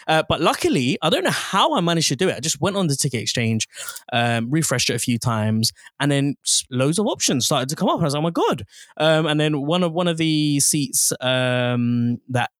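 A man's voice: a little high, sing-song, normal speed, a bit bright, dry recording, studio quality. A man hosting a podcast, telling stories in a chatty, upbeat way. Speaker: podcast host. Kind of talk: casual podcast chat.

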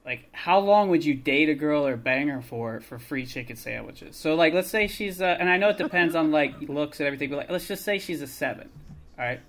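A man's voice: fairly high pitch, expressive, brisk, fairly bright tone. A man co-hosting a podcast, telling a story in a rambling, hesitant way with stammered restarts. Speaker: podcast co-host. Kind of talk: casual podcast banter.

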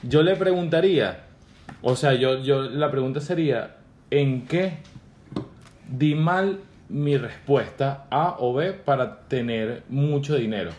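A young man with a Venezuelan accent, chatting casually with friends, slangy and quick to laugh. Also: medium pitch, a little mellow, slight background noise. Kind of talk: casual banter. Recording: echoey room.

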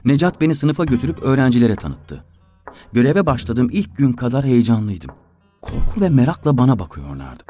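A man narrating a literary story in the first person, in a somber, reflective way, with soft guitar music behind him. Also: mid-range voice, big pitch swings, moderate pace.

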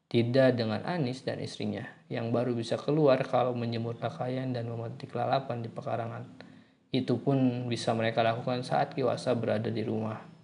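A man reads a horror story aloud in a relaxed, chatty manner. He breaks off now and then to speak directly to his listeners, and his voice sits at a plain middle pitch. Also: creaky. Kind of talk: casual horror story narration.

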